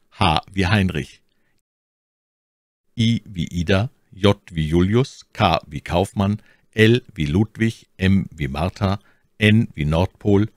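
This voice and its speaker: Deep voiced guy teacher spelling it out one item at a time, dry mic. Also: no echo. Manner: spelling it out letter by letter with example words. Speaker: German language teacher. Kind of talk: scripted instructional narration.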